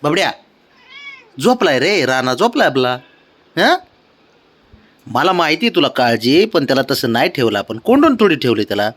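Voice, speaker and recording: A man's voice: very animated, normal speed, long pauses. Man cooing baby talk at his cat. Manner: doting, coaxing, high sing-song pet talk with soft chuckles. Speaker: cat owner vlogger.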